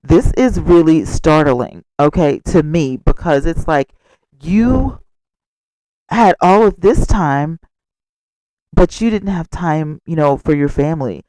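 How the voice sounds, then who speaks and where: A man hosting a gossip vlog with casual, expressive commentary and chatty asides, speaking close to the microphone. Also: on the high side, slow pace, dry recording, rough recording. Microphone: close microphone without a cover.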